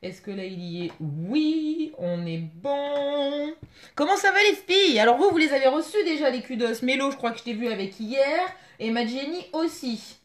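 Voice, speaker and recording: Female live streamer, fairly high voice, excitable and chatty, keeps greeting viewers by name. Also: moderate pace.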